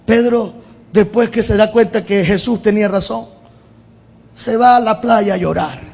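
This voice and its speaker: High-voiced pastor preaching. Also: male voice, measured pace, gravelly, a little mellow. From Venezuela. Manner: conversational preaching, repeats words. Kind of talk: sermon. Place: church. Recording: long hall reverb in church.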